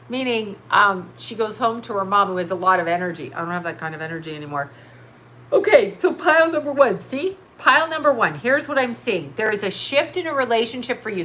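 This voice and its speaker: Reading tarot cards live and responding to chat, this stuffy-nosed middle-aged woman keeps things casual, blunt and scattered, cursing and laughing a lot. Her voice sits in the mid range with a sharp tone, and a little hiss or hum runs under the recording.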